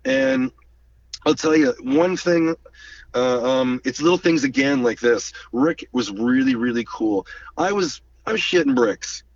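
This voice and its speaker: A male drummer recounts his career in a relaxed, animated interview voice. He slips into quick impressions of the people he quotes. The sound is muffled and set back from the microphone. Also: medium pitch. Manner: animated storyteller who acts out quoted voices and hums drum rhythms. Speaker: guest drummer. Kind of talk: casual storytelling interview. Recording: distant dull lo-fi mic.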